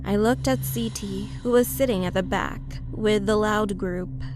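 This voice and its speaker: A woman narrating a first-person horror story, slow and measured. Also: mid-range voice, over music.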